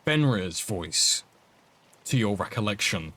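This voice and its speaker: Sex: man. Role: relaxed dungeon master, slow-paced. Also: lowish voice. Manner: relaxed, casual narration with asides. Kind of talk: narrating a tabletop game.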